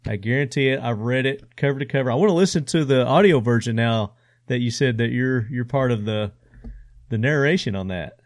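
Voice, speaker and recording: A man hosting a podcast chimes in with short, agreeable, affirming remarks during the conversation. His voice is medium-pitched and brisk, captured in clean studio sound with no room noise.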